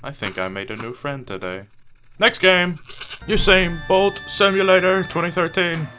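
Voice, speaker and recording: A man hosting a comedic game commentary video, goofy and excitable, chatting to the characters on screen. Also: high-pitched, moderate pace. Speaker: gaming video host. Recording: game music playing behind voice. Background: game music.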